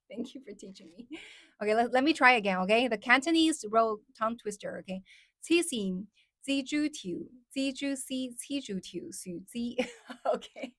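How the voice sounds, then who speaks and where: Speaking English as a Mandarin native from mainland China, a woman runs a laid-back live stream where she's chatty, laughs a lot, and responds to chat comments. Her slightly high voice is a bit bright, recorded dry and close with barely any room echo.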